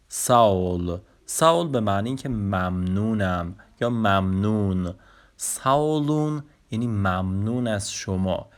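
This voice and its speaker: Lowish-voiced man teaching slow phrase drills. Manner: says Turkish phrases very slowly and repeats them, then explains fast. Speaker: Turkish language teacher. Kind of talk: online language lesson.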